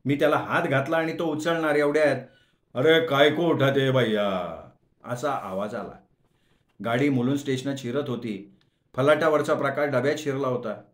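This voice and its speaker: A man narrating a humorous short story as a storyteller, in an expressive, dramatic way. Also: medium pitch, moderate pace. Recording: echoey room.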